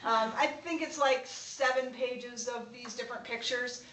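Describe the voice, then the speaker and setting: A woman's voice: on the high side, steady tone, measured pace, a bit bright, a little hiss or hum. A young adult woman, a college instructor, giving a chatty, informal classroom lecture with frequent laughs and restarts. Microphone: distant room mic. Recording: echoey classroom from far off.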